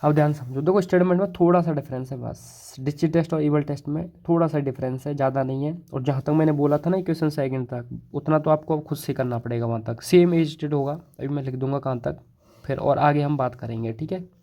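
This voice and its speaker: A man's voice: a little high, brisk, warm tone. A man teaching a math lesson at the board in a casual, chatty way, with a North Indian accent, mixing English terms into his talk and often repeating little fillers. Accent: Hindi-English code-mixing, North Indian. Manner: chatty, repeats "thoda sa" and "theek hai", many fillers and restarts. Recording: dull, lo-fi mic.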